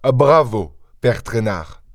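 A man voicing a self-assured, mocking gentleman burglar in an audiobook, teasing and ironic with lively high flourishes. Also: slow pace, no room sound, clean studio sound. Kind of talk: audiobook character voice.

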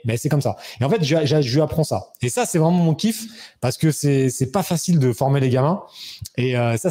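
Male guest, thirties, quick animated storyteller who acts out the dialogue. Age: 30s. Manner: animated, acts out quoted dialogue with raised pitch. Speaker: interview guest. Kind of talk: casual storytelling.

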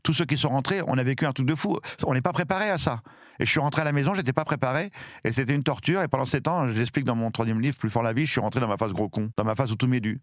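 Fast-talking, animated Frenchman in his fifties. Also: mid-range voice, dry recording, studio quality. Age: 50s. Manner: lively, emphatic, acts out shouted quotes. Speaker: interview guest. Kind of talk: animated storytelling in an interview.

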